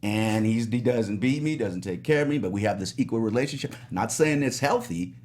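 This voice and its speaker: Low-voiced man musing on a panel. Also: expressive, fairly quick, a little mellow. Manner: musing, rambling, many restarts. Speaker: panelist on a TV review show. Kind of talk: casual panel discussion. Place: studio in California.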